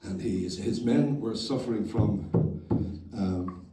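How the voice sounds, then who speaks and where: A man's voice: fairly low pitch, slow, background noise. A man performing as a folksinger and humorist, telling dry stories between songs to a live audience in a library room. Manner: wry storytelling between sung verses. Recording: roomy, mic at a distance, with guitar. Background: audience and guitar.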